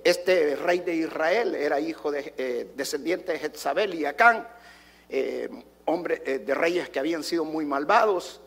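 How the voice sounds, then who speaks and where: A man's voice: high-pitched, creaky. A pastor, a man, preaching a sermon with emphatic repetition and rhetorical questions put straight to the congregation. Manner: addresses the congregation directly.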